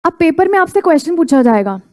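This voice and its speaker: A woman with a high voice gives a classroom lecture in a mix of Hindi and English. She fires quick prompts at her students and checks that they are following. She says the key terms over and over so they stick. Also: very animated, darkish tone. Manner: quizzes students with repeated prompts; repeats key terms for emphasis. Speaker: teacher.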